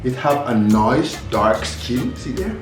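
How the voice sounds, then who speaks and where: A man with a Jamaican accent talks casually through a home cooking demonstration, dropping in patois phrases as he goes. His voice sits at an ordinary middle pitch. The kitchen is echoey, and music plays clearly underneath. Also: animated, slow. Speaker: home cook and vlog host.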